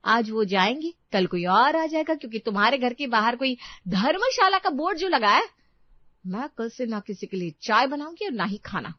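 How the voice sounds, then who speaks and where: Woman doing a sharp-tongued, fed-up young wife, high voice, dry, slightly dull recording. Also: expressive, normal speed, no echo. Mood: indignant. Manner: indignant, complaining.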